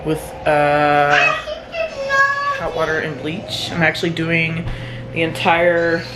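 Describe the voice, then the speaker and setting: With music playing clearly in the background, a young single mom slowly narrates her weekend routine in a vlog, her low voice relaxed but tired and broken by yawns. She chats and rambles, drifts off mid-thought, and laughs softly at her own expense.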